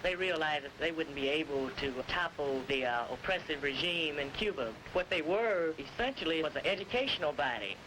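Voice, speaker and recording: A man's voice: on the high side, expressive. Man in a noisy old newsreel clip. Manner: measured, explanatory, with frequent "uh" pauses. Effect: old newsreel film sound. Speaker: political party spokesman. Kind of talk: archival interview.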